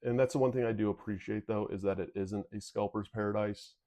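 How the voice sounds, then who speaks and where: A man with a low voice chats casually as he opens card packs for viewers. His nose is sniffly and whistles as he talks. He rambles along candidly. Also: steady tone, a little fast, dark tone. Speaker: video host. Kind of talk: casual card pack opening commentary.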